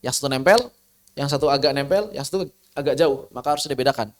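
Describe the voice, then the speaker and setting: A man teaching Quranic recitation, explaining and slowly repeating letter sounds to demonstrate them. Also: medium pitch, slight background noise. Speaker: tajwid teacher. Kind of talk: recorded lesson on Quranic pronunciation.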